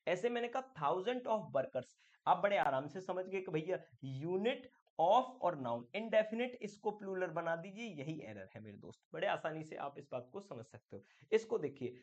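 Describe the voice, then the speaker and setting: A man's voice: high-pitched, sing-song, moderate pace, hardly any pauses. Guy doing an exam grammar lesson, talks to you like a friend, asks then answers himself, kinda muffled audio. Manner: chatty, calls the viewer "my friend", asks and answers his own questions. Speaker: English grammar teacher.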